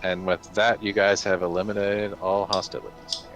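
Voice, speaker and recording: Deep-voiced male game master, patient rules explainer, colorful combat narrator, light music bed. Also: little pitch movement, moderate pace. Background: soft background music.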